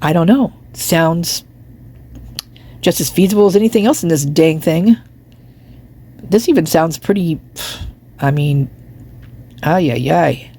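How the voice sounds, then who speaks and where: A woman's voice: on the low side, a little slow, long pauses, mellow, husky. A woman hosting a vlog with casual, rambling commentary in a blunt, sceptical manner. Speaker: vlog host.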